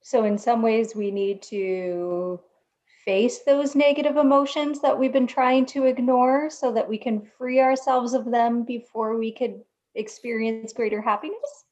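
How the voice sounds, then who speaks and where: A woman's voice: fairly high pitch, measured pace, a little mellow. Woman chatting on a slightly dull recording. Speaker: therapist on a podcast panel. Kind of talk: casual discussion.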